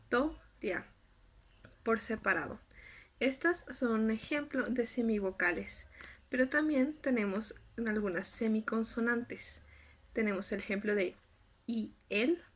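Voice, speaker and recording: A woman whose first language is Spanish, reading a scripted lesson and sounding out syllables slowly. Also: a little high. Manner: reads carefully, spells out syllables slowly. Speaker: student presenter.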